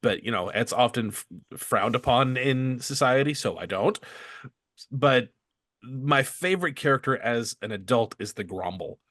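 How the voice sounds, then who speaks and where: A man's voice: mid-range voice, expressive, a little slow, fairly bright tone, no room sound. A man in his thirties co-hosting a casual podcast in a studio, joking and stumbling over names. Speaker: podcast co-host. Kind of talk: casual chat.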